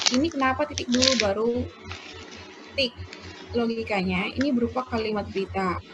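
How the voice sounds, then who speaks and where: A woman teacher giving a lesson, explaining slowly and dictating example sentences aloud. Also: fairly high pitch, dull audio. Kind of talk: classroom lecture on punctuation. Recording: noisy background.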